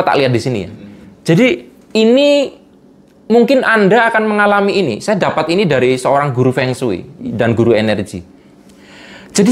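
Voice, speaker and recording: Animated man. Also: fairly high pitch. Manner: animated, explains with everyday examples, chuckles often. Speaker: guest speaker on vibration and energy. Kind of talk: casual interview talk.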